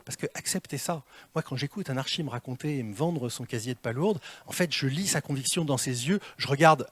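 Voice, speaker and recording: A man coaching a live audience on presentation skills, in a lively, theatrical way, asking them questions as he goes. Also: mid-range voice, brisk, breathy edge, dry recording. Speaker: communication trainer. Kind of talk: live workshop talk to an audience. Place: meeting room with an audience. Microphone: handheld mic.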